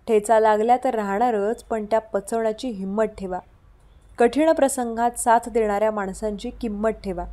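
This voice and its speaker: A woman reading out scripted devotional messages with a steady, preaching delivery. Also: on the high side.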